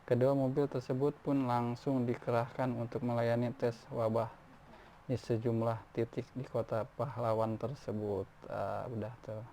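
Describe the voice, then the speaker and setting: A man's voice: medium pitch, little pitch movement, normal speed, mellow. A man reading news articles aloud, often stumbling and restarting words. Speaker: news reader. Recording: faint background noise.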